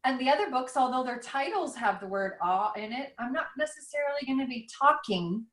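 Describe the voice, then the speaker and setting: A woman author thinks aloud over a video call, rambling, reflective, and questioning herself in casual conversation. Her high, expressive voice moves fairly quickly with a fairly bright tone. The recording has a roomy echo.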